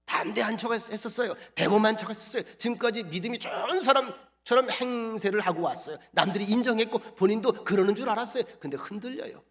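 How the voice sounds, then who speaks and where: A middle-aged male pastor preaching a sermon, moving between hushed, near-whispered lines and loud, emphatic declarations. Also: high-pitched, fast, few pauses. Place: church sanctuary.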